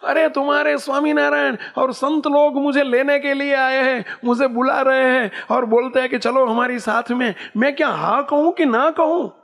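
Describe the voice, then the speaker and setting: A man's voice: extremely high pitch, fairly even intonation, normal speed, creaky, few pauses, fairly bright tone, long reverb tail, voice pushed up, heavily acted. A man voicing a frail, bedridden old woman who asks urgent, pleading questions in a raised, thin voice. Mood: bewildered pleading.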